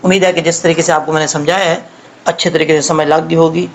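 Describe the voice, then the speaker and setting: Man, recitation teacher, high voice, gravelly edge, patient step-by-step explanations, slow modeled sounds. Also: flat delivery, a little hiss or hum, low-quality recording. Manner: patient, repetitive instruction, models sounds slowly. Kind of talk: step-by-step pronunciation lesson.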